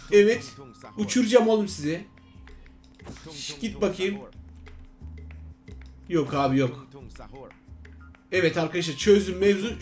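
A young man hosts a gaming channel, giving excitable live commentary on his play in a high-pitched voice and talking to his viewers like friends.

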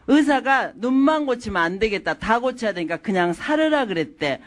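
A middle-aged woman lecturing an audience through stories from her own family life. Her pitch swings widely as she talks. She tells each anecdote with animation and acts out the people in it. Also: normal speed. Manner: animated storytelling, acting out quotes.

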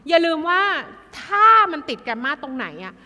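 A woman tutoring an exam class in a lively, chatty way, addressing students like kids. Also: high voice, normal speed, long reverb tail.

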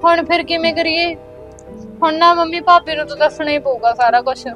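An actress playing a young woman who haltingly breaks sad news to her mother and sister-in-law. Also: sits high, little pitch movement, sharp tone, faint music behind. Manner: hesitant, halting, consoling. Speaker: sister, daughter.

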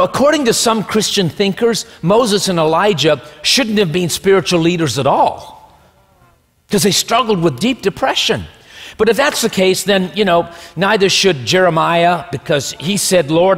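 Joking, animated man preaching a sermon. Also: fairly high pitch. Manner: humorous, animated storytelling. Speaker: pastor. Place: church sanctuary. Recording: long church hall reverb.

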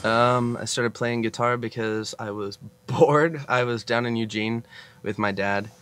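A man's voice: mid-range voice, steady tone, a little slow, a bit bright. A man from Oregon, a band's guitarist, talking casually in a documentary interview and laughing now and then. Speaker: guitarist in a band. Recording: noisy handheld documentary audio.

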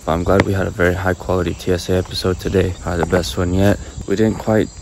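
A man's voice: low voice, level tone, quick pace. A young man in his twenties talks casually and thinks aloud while vlogging on a handheld camera outdoors in a rural village, swearing now and then. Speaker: travel vlogger. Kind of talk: casual vlog narration. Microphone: handheld camera held close. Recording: outdoor camera audio with insect noise. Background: crickets and insects.

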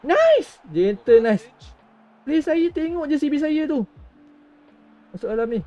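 A man's voice: very high-pitched, measured pace, warm tone, muffled recording, faint music behind. A young Malaysian man giving reactive live commentary as he plays a mobile football game, in short exclamations and muttered asides. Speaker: gaming streamer.

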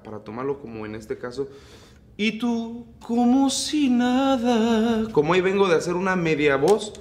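A man with a Mexican accent, a mariachi singer teaching vocal technique in an unhurried, relaxed way. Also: medium pitch. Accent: Mexican Spanish. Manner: unhurried, explains phrasing, breaks into singing. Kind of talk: relaxed vocal tutorial with sung demonstrations.

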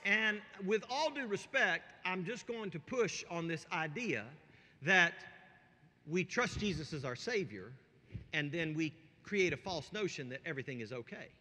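A male pastor preaches with a fairly high, animated voice, dropping to near-whispered asides and rising to shouts. His tone is piercingly bright with a husky edge. The sound carries the long reverb of a large church hall. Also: a little slow. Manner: swings from hushed asides to shouted emphasis; conversational, checks in with the congregation. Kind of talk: sermon.

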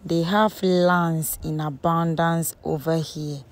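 A young woman talks slowly and chattily to her viewers while travelling, her voice sitting a little low. She films on a phone at arm's length, and engine and traffic noise rumble clearly behind her. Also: fairly even intonation. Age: young adult. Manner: chatty, addresses viewers directly. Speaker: travel vlogger. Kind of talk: casual travel vlog. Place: outdoors on roads and in vehicles. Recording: loud road and vehicle noise.

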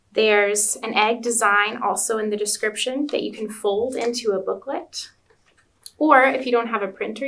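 A woman telling a church story to children and slowly explaining what each color and design means. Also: medium pitch, fairly bright tone, poor audio. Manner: slow, deliberate explaining to kids. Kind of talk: gentle storytelling lesson for children.

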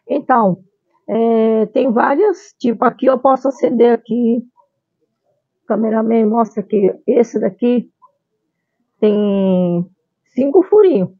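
A middle-aged woman explains her subject as a channel host. Her voice is a bit high. The sound is dry and narrow, as if over a phone. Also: husky, no room sound. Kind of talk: explanatory vlog, partly read from a script.

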